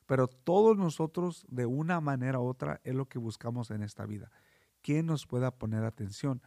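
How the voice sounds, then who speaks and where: A man's voice: mid-range voice, normal speed, dark tone, no room sound, studio quality. A man co-hosting a podcast, casual and earnest as he advises parents. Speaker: podcast co-host. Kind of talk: casual chat.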